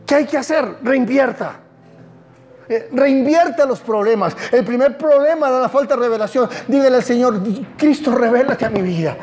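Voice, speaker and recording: A male pastor preaching a sermon with impassioned call-and-response, swinging from loud declarations to hushed lines. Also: very high voice, moderate pace.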